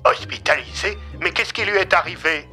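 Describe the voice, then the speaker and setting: Un homme jouant un vieux mage inquiet à la voix claire. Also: male voice, high voice, moderate pace, pushed and bright, soft background music, pitched above the performer's own voice. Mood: fretful. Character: old man mage, fussy, slow-witted.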